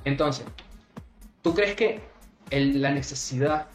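A man with a Venezuelan accent hosting a casual podcast, teasing his guest with quick joking questions from a table mic at home. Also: medium pitch, roomy sound, soft background music. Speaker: podcast host. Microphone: studio microphone on table.

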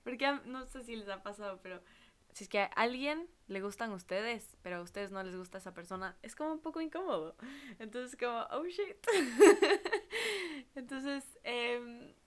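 A woman's voice: fairly high pitch, a little fast, fairly bright tone. A young adult woman telling a funny personal story in a casual chat, laughing often and dropping in English slang.

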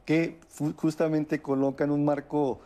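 Warm-toned man, thoughtful. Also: fairly high pitch, flat delivery, unhurried. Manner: thoughtful, hesitant with many fillers and restarts. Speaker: guest speaker on a family talk show. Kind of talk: conversational explanation.

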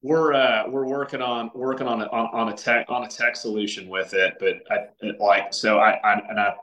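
A man with a fairly low voice speaks as a podcast guest. He talks earnestly and conversationally, stumbling through restarts and leaning on filler words as he makes his points. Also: steady tone, normal speed, pushed and bright, low-quality recording. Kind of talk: casual interview conversation.

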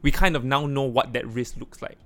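A man hosting a casual discussion in a measured way, often hedging with "kind of" and "like". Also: mid-range voice, steady tone, bright, forceful tone. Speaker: host.

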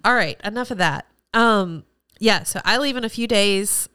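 A woman's voice: mid-range voice, normal speed, bright, forceful tone, smooth, no echo, studio quality. A woman hosting her own podcast, talking alone in an effusive, rambling and emotional way. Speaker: podcast host; former teacher. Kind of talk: solo podcast monologue.

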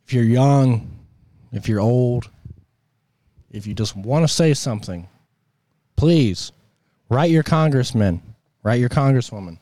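A man's voice: mid-range voice, warm tone, no echo. An American man with a sore throat, delivering an opinionated political monologue in an emphatic, exasperated, colloquial way. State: sore throat with coughing and throat clearing. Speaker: host of a political commentary show.

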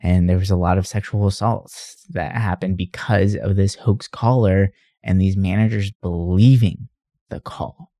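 A man co-hosting a podcast in casual chat, an animated storyteller who tells his stories with energy. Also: sits low, measured pace, no room sound, studio quality. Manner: animated storyteller, puts on voices in retellings. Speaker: podcast co-host.

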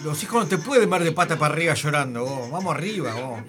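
A man's voice: fairly high pitch, expressive, fast talker, music in the background. A man hosting a radio show, telling a story in a rambling, emphatic way with lots of filler words. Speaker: radio host. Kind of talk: casual radio banter.

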